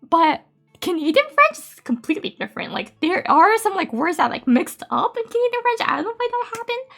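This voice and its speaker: On a live stream, a Japanese-native woman with a high, gravelly-edged voice talks casually, giggles a lot and fills pauses with "um" and "like." Her pitch swings widely and her tone is fairly bright, with faint music behind her.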